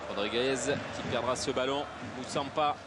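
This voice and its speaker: A man's voice: mid-range voice, normal speed. A man calling a football match play by play, naming players in short clipped phrases. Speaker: football commentator. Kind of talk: live play-by-play football commentary. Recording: very noisy stadium broadcast. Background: loud stadium ambience.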